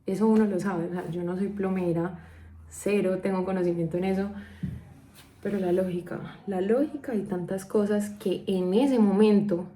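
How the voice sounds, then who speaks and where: A woman with a Colombian accent telling a personal story in a casual vlog, animated and acting out the dialogue she quotes. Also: mid-range voice, normal speed, echoey room. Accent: Colombian Spanish.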